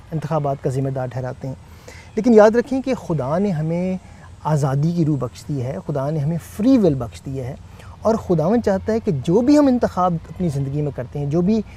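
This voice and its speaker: A man co-hosting a Bible teaching talk, speaking in a measured way with frequent hesitant fillers. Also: fairly high pitch, dark tone, breathy edge. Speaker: co-host.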